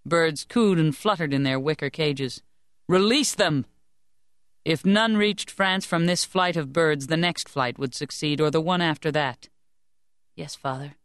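A woman narrates an audiobook in a measured, even storytelling manner. Her voice is smooth and resonant, set close to the mic in a dead, dry booth with no room sound. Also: sits low, no room sound. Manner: measured, even storytelling that lifts and sharpens for shouted lines. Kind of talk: scripted narration of a historical fantasy novel. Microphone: close studio microphone.

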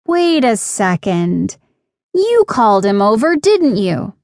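A woman's voice: fairly high pitch, sing-song, slow, a little mellow, no room sound, studio quality, full character voice. A woman voicing an earnest, eager young girl in a children's audiobook, with a timid, wondering manner.

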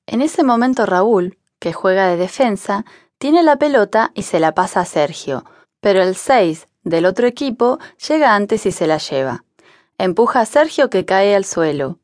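A woman narrates an audiobook for language learners. She reads clearly and at a measured pace, and her pitch moves lively through each sentence. The recording is close and dry. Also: dry recording. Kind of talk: scripted narration.

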